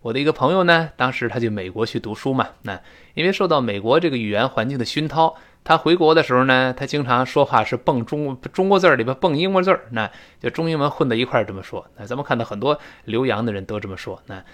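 A male English teacher lecturing in a chatty classroom manner. His pitch swings widely as he explains. He slows right down to drag out each word he demonstrates. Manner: animated, drawn-out demonstrations of pronunciation. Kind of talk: spoken-English lesson lecture.

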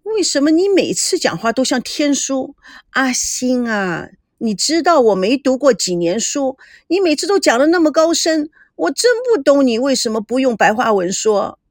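A naive young woman, put on by a storytelling woman, chattering and stammering through puzzled questions. Her voice sits high and lively, recorded dry and close. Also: moderate pace, no room sound. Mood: bubbly puzzled.

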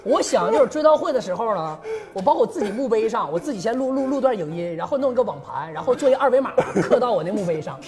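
A talk show guest chatting in a deadpan, self-mocking way. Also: medium pitch, fast talker, hardly any pauses. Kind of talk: casual chat over a meal.

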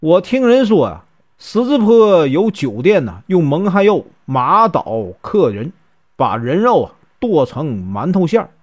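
A man's voice: fairly high pitch, sing-song, measured pace. A man voicing a bold, fearless hero who speaks bluntly and curtly. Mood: probing. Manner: blunt, curt.

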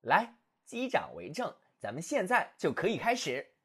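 A man's voice: on the high side, wildly swooping pitch, normal speed, fairly bright tone, husky, pitched above the performer's own voice, heavily acted. A man doing a haughty, boastful hare. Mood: smug. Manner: haughty, sneering. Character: arrogant male hare, vain self-styled gentleman. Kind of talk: storybook narration.

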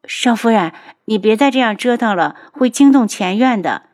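A timid young maidservant, as a woman narrator puts her on, pleading anxiously and humbly. Her voice sits a little higher than the reader's own. It is storybook acting in a soft, deferential tone. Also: animated, normal speed, natural voice.

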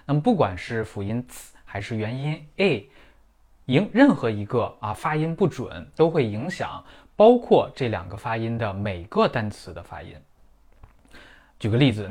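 A middle-aged man, a native Chinese speaker, teaching German pronunciation in a clear, methodical lesson full of everyday comparisons. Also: mid-range voice. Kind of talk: scripted lesson in Mandarin.

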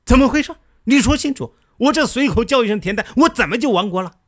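A man's voice: extremely high pitch, expressive, quick pace, a bit bright, voice pushed up, exaggerated voice. Man voicing a blunt, hot-tempered ancient king. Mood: alarmed. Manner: stammering when flustered.

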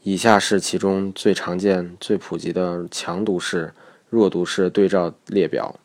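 Deep-voiced man calmly teaching pronunciation. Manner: measured, methodical explaining. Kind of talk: recorded lesson narration.

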